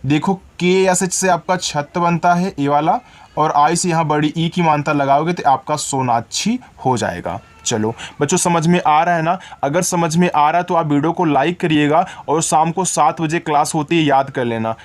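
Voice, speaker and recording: A man's voice: on the high side, normal speed. A man teaching beginners to read, patiently spelling out words letter by letter and sound by sound. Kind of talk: phonics lesson for beginners.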